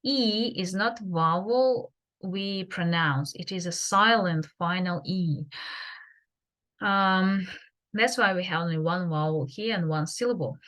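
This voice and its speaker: A woman teaching grammar in an online lesson, explaining slowly and deliberately with many fillers. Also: lowish voice, fairly bright tone. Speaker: English teacher. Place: home.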